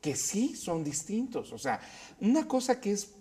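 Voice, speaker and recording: A man's voice: high voice, huge pitch swings, unhurried, warm tone. A man speaking as an academic panelist, thoughtful with some hesitation. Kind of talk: panel discussion.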